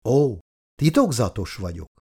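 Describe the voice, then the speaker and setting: A male audiobook reader playing a calm, wary retired army colonel and father who speaks in a dry, guarded, lightly joking way. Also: mid-range voice. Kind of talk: audiobook character voice.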